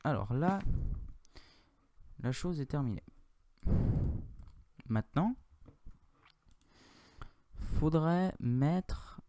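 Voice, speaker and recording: A Minecraft tutorial YouTuber with a French accent talks through a game in a casual, rambling way, correcting himself and making side remarks. His voice is on the high side, expressive and dark in tone, delivered extremely slowly with long pauses, while mouse and keyboard clicks are audible.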